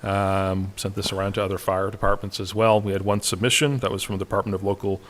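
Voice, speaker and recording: A man with a low, level, unvaried voice reports to a town council, pausing often and filling gaps with "uh". He speaks in a council chamber. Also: little pitch movement. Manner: hesitant, many fillers. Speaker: municipal staff member reporting to council. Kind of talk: meeting report.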